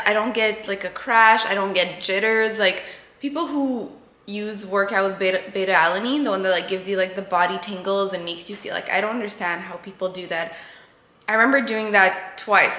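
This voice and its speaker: A woman's voice: mid-range voice, sharp tone. A woman in her twenties, a fitness coach, chatting casually to camera at home, full of "like" fillers. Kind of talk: casual vlog chat to camera. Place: home kitchen and dining room. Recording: echoey room.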